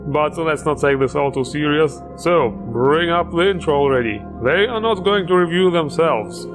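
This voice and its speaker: A man's voice: a little high, lively intonation, moderate pace, music in the background. A man hosting a game mod showcase, upbeat and joking, with plenty of enthusiasm. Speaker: host.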